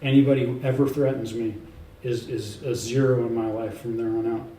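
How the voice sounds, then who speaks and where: A man with a mellow, steady mid-range voice talks a little fast as an author guest in an informal in-person interview. He rambles with frequent fillers and restarts but stays emphatic and confident. The recording has an echoey room, faint ambience, and the speaker far from the mic.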